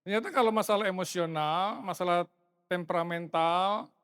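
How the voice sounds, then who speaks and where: A man's voice: high voice, moderate pace, a bit bright, clear, resonant tone, no echo, studio quality. A middle-aged man preaching a sermon as a pastor, in a conversational, friendly way that keeps addressing the congregation directly. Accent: Indonesian. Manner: conversational preaching, addresses listeners as brothers, chuckles. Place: church sanctuary.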